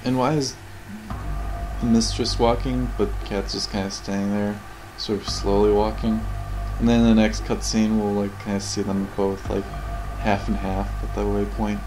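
A man with a fairly low voice rambles casually and critically about video game cutscenes, speaking off the cuff in a flat tone at normal speed. The low-quality recording has the game's soundtrack, cutscene audio and music, playing behind him.

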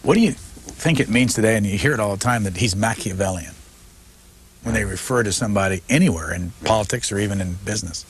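A man's voice: on the low side, fast, a little hiss or hum. A man interviewing a guest with direct, probing questions.

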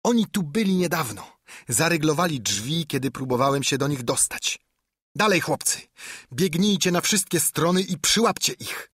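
A man's voice: expressive, moderate pace, husky, no echo, studio quality. A man voicing a furious blind old male pirate beggar who shrieks orders at his gang. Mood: raging. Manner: shrill, shouting orders.

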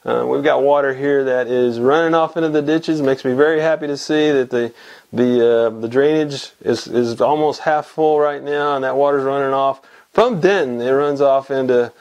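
A Texas man in his fifties hosts a casual weekly fly fishing report from his small home fly shop, speaking to a camera mic at desk distance. His mid-range voice has vocal fry and a darkish tone, moving at a moderate pace, and the recording sounds muffled. He rambles, restarting often and using lots of fillers.

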